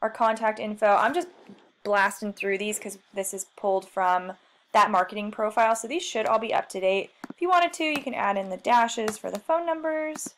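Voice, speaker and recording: A woman working as a marketing trainer runs a screen-share software tutorial, chatting away, poking fun at herself, and thinking out loud as she clicks along. Her voice sits in the mid range at a moderate pace, with a little background noise.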